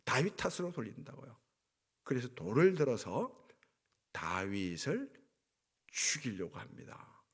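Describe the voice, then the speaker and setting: A male pastor preaching a sermon, acting out cries of anguish with sweeping swings in pitch and volume. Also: husky.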